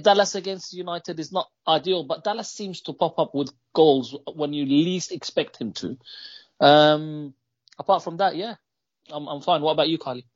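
A man's voice: on the high side, no room sound. A man co-hosting a casual podcast, hesitant and repeating words as he talks. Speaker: podcast co-host. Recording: dull, lo-fi dry sound.

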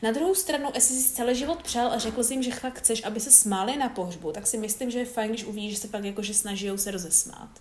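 Woman chatting, kinda high voice, lots of "like" fillers, echoey room. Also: few pauses, darkish tone. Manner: thoughtful, musing, many fillers. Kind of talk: casual chat.

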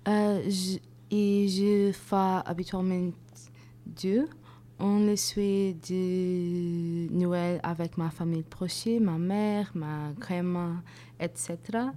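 A Portuguese woman in her twenties, a radio guest speaking halting French as a non-native. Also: on the low side, mellow. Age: 20s.

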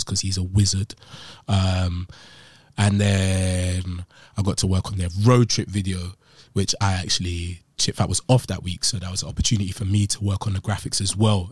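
A man's voice: low-pitched, breathy edge, no echo. A man in his late twenties with a London accent and roadman slang delivery, chatting casually as an interviewed video editor. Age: late 20s.

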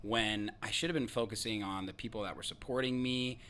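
Bright-voiced young podcast host. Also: male voice, lowish voice, brisk, a little hiss or hum. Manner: loose, swearing, animated storytelling. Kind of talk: casual podcast chat.

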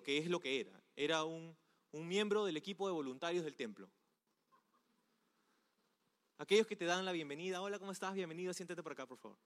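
A male pastor giving a conversational sermon, often asking the audience rhetorical questions. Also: fairly high pitch. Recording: long hall reverb.

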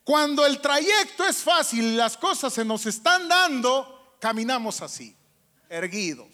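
A man's voice: very high voice, expressive, a little slow, sharp tone. A man preaching a sermon as pastor, asking the congregation questions with strong emphasis. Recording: long hall reverb.

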